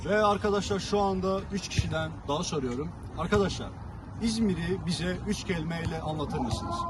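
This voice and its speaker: A man's voice: sits high, brisk. A man presenting casual street interviews, addressing viewers and repeating answers back. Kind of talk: casual vox-pop presenting. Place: outdoors on a city street. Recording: clear outdoor traffic noise.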